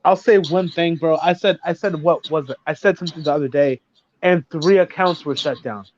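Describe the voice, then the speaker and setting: A man chatting casually and telling stories in an animated way, full of swearing. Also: a little high, fairly quick, a little hiss or hum. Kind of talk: casual chat. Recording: dull lo-fi sound.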